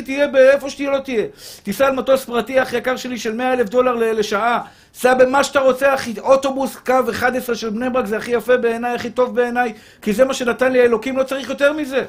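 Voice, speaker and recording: High-voiced impassioned male preacher. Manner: impassioned, addresses listeners as brother and pure soul. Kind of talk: sermon.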